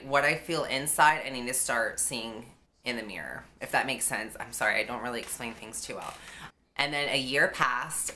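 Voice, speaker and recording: Young adult woman, confessional vlogger. Very low pitch, bright forward tone, candid halting delivery. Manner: halting and candid, heavy use of "like". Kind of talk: confessional vlog.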